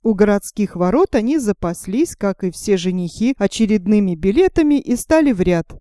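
Smooth-voiced woman reading a fairy tale. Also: medium pitch, moderate pace, no echo, clean studio sound. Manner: expressive, animated storytelling. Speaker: narrator. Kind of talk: storybook reading.

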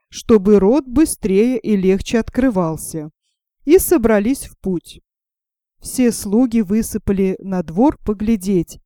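A woman reading a fairy tale aloud in an expressive, animated storytelling manner. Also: medium pitch, dry recording, studio quality. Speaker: narrator.

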